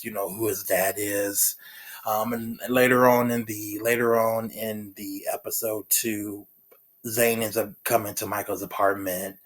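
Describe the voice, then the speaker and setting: A man casually recapping a TV episode, rambling with lots of fillers and restarts. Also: fairly low pitch. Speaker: TV recap reviewer.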